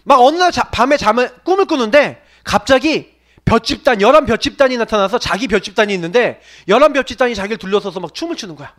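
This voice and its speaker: A pastor preaches to young people in a very high-pitched, animated voice that is a bit bright and quick. He fires question after question at the listeners and acts out the voices in the lines he quotes.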